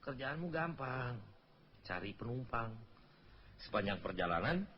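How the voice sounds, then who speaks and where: A man's voice: mid-range voice, sing-song, a little slow, lo-fi sound, a little hiss or hum. A Sundanese man performing a comedy sketch, scolding his partner with exasperation and laughter.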